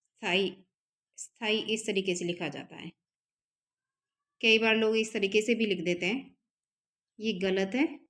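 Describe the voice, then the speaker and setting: A woman teacher runs an exam-prep spelling lesson. Her voice sits a little high, and her pace is slow and deliberate. She repeats each word patiently so her students can follow along. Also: fairly bright tone. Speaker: Hindi teacher.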